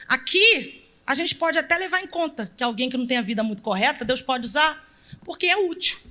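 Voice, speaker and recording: High, bright-voiced woman preaching. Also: fairly quick. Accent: Brazilian. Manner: animated storytelling, acting out family members, bursts of shouted emphasis. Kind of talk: sermon. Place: church sanctuary.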